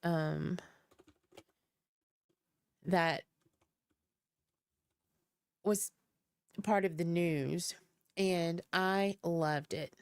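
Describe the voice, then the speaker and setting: A woman's voice: lowish voice, very slow, pauses often, smooth, dry recording, clean studio sound. A woman with a Southern US accent chatting casually on a live stream, rambling and self-deprecating. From American South. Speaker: streamer host.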